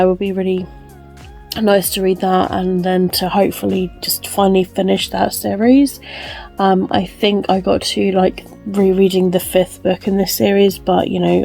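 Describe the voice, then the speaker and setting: A young woman who runs a book vlog chats casually, rambling with lots of ums and likes. Her medium-pitched voice is warm with vocal fry, and she sounds wheezy as she recovers from an illness.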